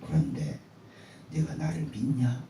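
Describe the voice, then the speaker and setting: A man voicing God speaking from the clouds, slow and grave in a commanding tone. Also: mid-range voice, very animated, dark tone, a little hiss or hum. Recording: echoey church hall from far off.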